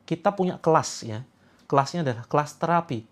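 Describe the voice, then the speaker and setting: A man's voice: fairly high pitch, animated, fairly quick. A man hosting a live religious therapy stream, chatting playfully with viewers, reading their comments aloud and laughing often. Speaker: host of a live Quranic therapy session. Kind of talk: casual livestream chat reading viewer comments.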